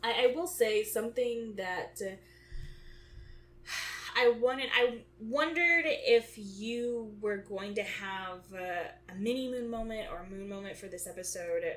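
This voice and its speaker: A woman's voice: mid-range voice, a little slow, fairly bright tone, echoey room, slight background noise. A woman co-hosting a podcast in casual chat, thinking aloud with frequent restarts. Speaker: podcast co-host.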